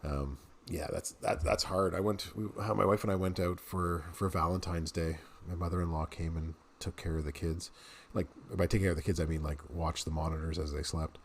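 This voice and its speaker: A man's voice: sits low, fairly even intonation, a little fast, hardly any pauses, slight background noise. A man in his thirties, a game streamer, chatting casually to viewers and laughing often as he plays. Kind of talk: casual gameplay commentary.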